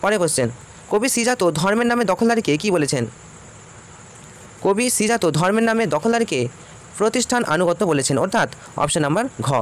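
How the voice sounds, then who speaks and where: A man's voice: high-pitched, animated, quick pace, pauses often. A man, teaching by reading out exam questions and repeating each answer.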